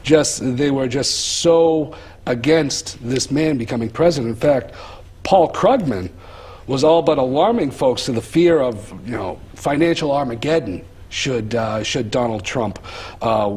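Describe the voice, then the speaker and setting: Host, man, slightly husky, halting delivery with lots of uhs. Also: mid-range voice, a little mellow. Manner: hesitant, many fillers. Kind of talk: talk show hosting.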